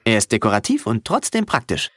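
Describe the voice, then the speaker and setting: A man's voice: on the low side, wildly swooping pitch, a little fast, fairly bright tone, full character voice. An actor voicing a young male wannabe pirate from a game, cheeky and sarcastic, delivering dry quips in dubbed dialogue.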